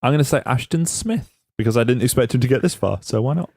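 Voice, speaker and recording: A man's voice: mid-range voice, lively intonation, fast talker, a little mellow, breathy edge, no room sound. A man hosting a casual wrestling podcast, joking around and quizzing his co-hosts. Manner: banters and quizzes co-hosts, jokey. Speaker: podcast host.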